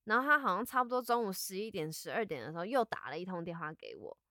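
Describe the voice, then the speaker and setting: Lively bright-voiced woman. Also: on the low side, fast, no room sound, studio quality. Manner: animated storyteller who laughs often. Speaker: podcast co-host. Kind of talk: casual chat, storytelling. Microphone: studio microphone.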